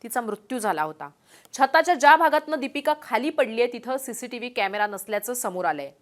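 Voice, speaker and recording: A woman reading a scripted news story in a grave, measured way, with a Marathi accent. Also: a little high, lively intonation. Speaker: news narrator.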